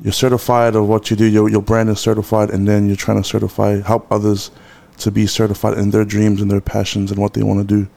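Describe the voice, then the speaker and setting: A man hosting a podcast, talking casually with many pauses and fillers. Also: fairly low pitch, monotone, vocal fry, warm tone. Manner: hesitant, lots of fillers, friendly slang. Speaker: podcast host. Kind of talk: casual chat.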